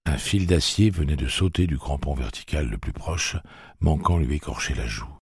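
A man reading a novel aloud as an audiobook narrator, with a gravelly, husky voice and a steady, measured delivery. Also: rumbling low, no echo, studio quality. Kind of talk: scripted narration.

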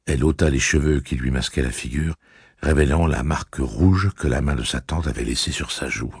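A man narrating a novel with expressive storytelling. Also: extremely low pitch, brisk, gravelly, husky, no room sound, clean studio sound. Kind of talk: audiobook narration.

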